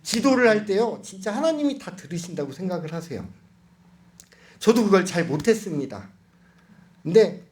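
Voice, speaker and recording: Man, preacher, sermon, fairly high voice, very lively pitch, dramatic loud and soft swings, asks the congregation questions. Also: a little hiss or hum. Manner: lively, dramatic swings between loud calls and hushed lines; addresses the congregation directly with questions.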